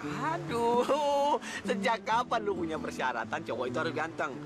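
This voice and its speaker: A cheeky young man, boastful and teasing as he banters with his friends. His voice sits a little high and swoops around a lot, and loud music plays behind him. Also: big pitch swings, quick pace. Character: cheeky young man Doni, joking matchmaker. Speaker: actor in comedy drama.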